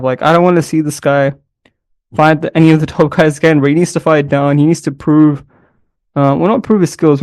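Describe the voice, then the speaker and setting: A man's voice: a little high, a little mellow, no echo, studio quality. Rambling man giving casual commentary. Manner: rambling, loose, sprinkled with "man" and "bro". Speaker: MMA commentator.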